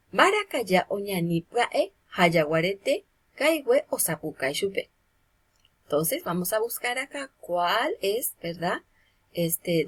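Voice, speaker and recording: A woman teaching children in a slow, patient way, working through example words one by one. Her voice is husky and sits at a middle pitch. She explains each point with calm care. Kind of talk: online grammar lesson for children.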